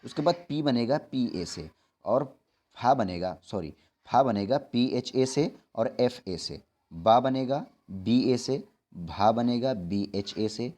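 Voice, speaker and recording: A young man teaching English in Hindi, who patiently repeats reminders, slows down to spell out examples and corrects his own slips as he goes. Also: medium pitch, lively intonation, darkish tone. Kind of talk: Hindi-language English lesson.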